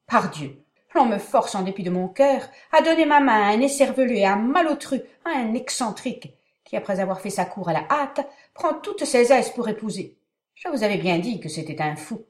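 A woman's voice: lowish voice, reverberant, lightly acted. A woman playing a proud, humiliated young bride in a stage comedy, declaiming with indignant emphasis. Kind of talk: dramatic reading of a classic stage comedy.

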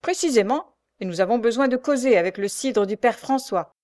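A woman voicing a gruff, bossy male army sergeant who barks orders loudly, reading a storybook. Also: on the high side, animated, brisk, pitched above the performer's own voice, natural voice. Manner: barking orders, loud and rough.

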